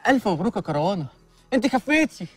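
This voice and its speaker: An actor in an Egyptian sitcom with an Egyptian Arabic accent, scolding in exasperated banter. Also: male voice, high voice, big pitch swings, rapid-fire, husky, soft background music, full character voice. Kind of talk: TV sitcom acting.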